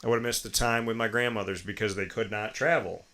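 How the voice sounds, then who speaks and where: A show host, an American man in his thirties, talks fast in a lowish, slightly bright voice with fairly even intonation. He delivers an emphatic, motivational personal monologue, repeating phrases and asking rhetorical questions.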